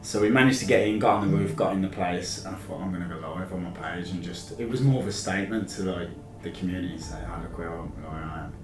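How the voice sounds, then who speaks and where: An English man in his thirties tells anecdotes in casual interview chat, rambling and matey. His voice sits a little low. The sound is roomy and a bit off the mic, with clear music behind. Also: quick pace, far from the mic. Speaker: podcast guest, live-streamer.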